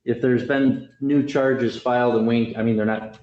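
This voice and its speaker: A man serving as judge in a courtroom, speaking haltingly with many fillers and self-corrections. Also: mid-range voice, fairly even intonation. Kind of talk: courtroom proceedings. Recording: echoey, dull courtroom audio with faint noise.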